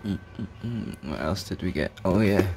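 A fishing vlogger films an unboxing on a handheld phone at an indoor table, his commentary casual, slangy and full of swearing, with music playing behind him. His voice sits low and a little mellow, slow in pace but lively in intonation.

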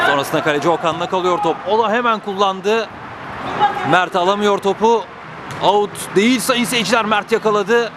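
A man giving live football play-by-play in short, clipped phrases. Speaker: football match commentator. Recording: noisy outdoor pitch recording.

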